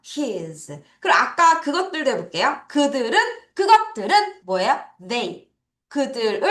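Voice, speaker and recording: A woman's voice: a little high, a bit bright, roomy sound. A woman teaching English words to young children, drilling them in call-and-response and laughing often. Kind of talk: children's vocabulary lesson.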